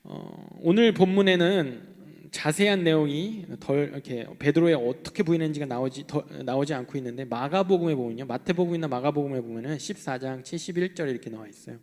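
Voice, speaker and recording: A young man preaching a sermon in an animated way, swinging between loud outbursts and hushed asides. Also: a little high, brisk, few pauses. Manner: animated, acting out quoted voices, shifting between loud and hushed. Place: church hall. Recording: long hall reverb.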